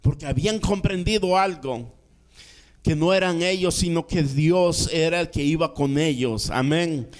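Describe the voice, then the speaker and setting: Dramatic preaching man, fairly high voice. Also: a little slow. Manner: dramatic storytelling, voicing Bible characters, calling out amén. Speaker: minister. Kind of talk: sermon.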